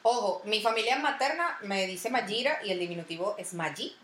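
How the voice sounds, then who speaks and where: A woman's voice: mid-range voice, moderate pace, slight background noise. Chatty Venezuelan woman, echoey room. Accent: Venezuelan Spanish. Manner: animated storyteller, acts out voices in anecdotes. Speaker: podcast host. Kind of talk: casual podcast chat.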